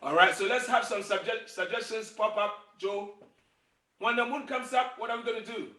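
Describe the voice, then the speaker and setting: A gentle man with a high voice, a music and storytelling teacher, leads a children's singing game lesson with encouraging call-and-response singing. He keeps a steady tone at normal speed, and the distant mic gives the recording a roomy sound.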